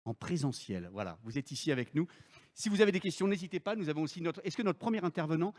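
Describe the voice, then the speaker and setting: A man hosting a festival panel with a lively, joking manner. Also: a little high, fast. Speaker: festival host. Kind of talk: event hosting.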